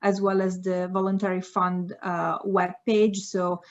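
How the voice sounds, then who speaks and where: A woman's voice: fairly low pitch, flat delivery, unhurried, muffled recording. A woman moderating an online meeting, polite and with many fillers. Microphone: video call.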